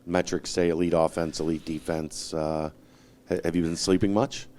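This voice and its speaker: A man asking a coach a question at a press conference, casual and halting. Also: deep voice, little pitch movement, a little mellow, a little hiss or hum. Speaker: reporter.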